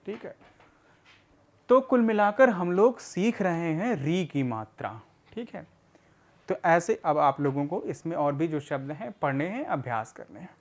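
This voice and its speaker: Slow patient man teaching reading. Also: a little high, sing-song, a little mellow. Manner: spells out syllables patiently, asks and answers own questions; often checks in with "theek hai". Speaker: adult literacy teacher. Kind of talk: slow step-by-step reading lesson.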